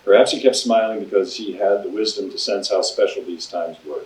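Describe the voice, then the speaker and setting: A man reading a letter aloud at a memorial service, steady with laughing asides. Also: lowish voice, a little fast, roomy sound, recorded from a distance, a little hiss or hum, poor audio. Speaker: reader at memorial.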